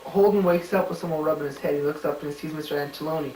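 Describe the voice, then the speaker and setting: A man giving casual spoken answers to study questions, halting and full of "you know" and "um", thinking aloud as he searches a book. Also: on the high side, darkish tone, slight background noise. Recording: roomy home recording from a distant mic.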